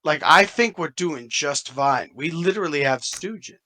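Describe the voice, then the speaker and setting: Bright-voiced man arguing at the game table. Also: a little high, lively intonation, moderate pace. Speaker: player. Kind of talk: casual tabletop play.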